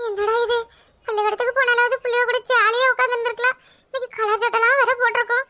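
A woman's voice: very high voice, level tone, racing, bright, forceful tone. A woman voicing a scared little schoolboy who skipped school, pleading and fretful, with a Kanyakumari Tamil accent. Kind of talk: cartoon voice acting.

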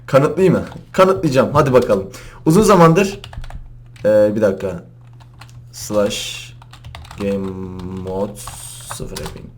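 A young man gives casual commentary while playing a parkour game at his computer. His voice swings widely in pitch, from low muttering to loud yells. Keyboard clicks come through behind him. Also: slow pace, long pauses, slight background noise. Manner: excitable, shouting and laughing at jumps. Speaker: gaming YouTuber.

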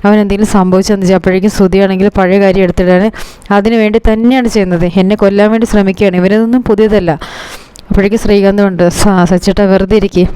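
Fast-talking woman recapping a serial. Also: medium pitch, steady tone, warm tone, clear, resonant tone, no echo. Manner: rushed retelling with restarts and hesitations. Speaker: serial episode reviewer. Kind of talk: casual spoken plot recap.

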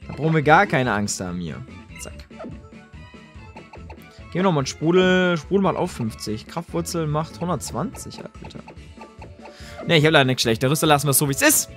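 A young man commentates his game in a slangy, excitable way and keeps turning to his viewers. His voice sits a little high, with faint music underneath. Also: brisk. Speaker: let's play host.

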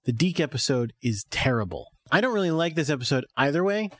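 A man's voice: fairly high pitch, sing-song, fast talker, no echo. Male podcast co-host, bouncy intonation, dry sound, wry complainer. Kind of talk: casual chat.

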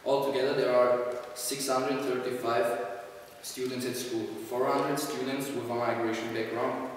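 A man's voice: medium pitch, level tone, moderate pace. A young man reads steadily from his notes in a mid-range voice. He is recorded from a distance in a reverberant hall with faint noise behind. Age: young adult. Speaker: student presenter. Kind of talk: reading a school presentation. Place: wood-panelled hall, indoors. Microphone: far camera. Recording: echoey hall from far off.

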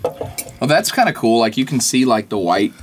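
A man's voice: medium pitch, big pitch swings, normal speed, a little hiss or hum. A man co-hosting a casual taste-test show, chatty and rambling, laughing often between remarks.

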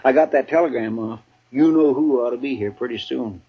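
An actor playing a loyal, folksy deputy in a 1950s radio western. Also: male voice, medium pitch, fairly quick, breathy edge. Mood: earnest. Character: folksy, loyal marshal's deputy in the Old West. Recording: muffled 1950s radio recording.

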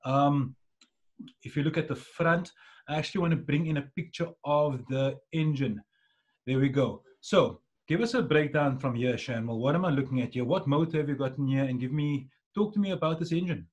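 South african guy hosting a podcast, bit husky, slightly higher voice, casual chat. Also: normal speed, a little mellow. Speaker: podcast host. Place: dim indoor room, video call.

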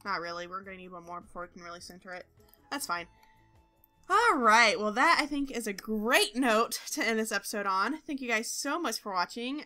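Young adult woman, bright voice, casual chatty gameplay commentator who gets excitable. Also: a little high. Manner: chatty, talks to game characters, excitable outbursts. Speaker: gaming video host.

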